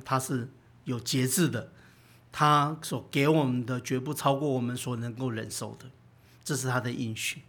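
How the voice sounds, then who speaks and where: A man preaching a sermon as pastor, asking his congregation questions and answering them himself, telling stories in an animated way. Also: fairly high pitch. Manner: animated storytelling with sudden loud bursts.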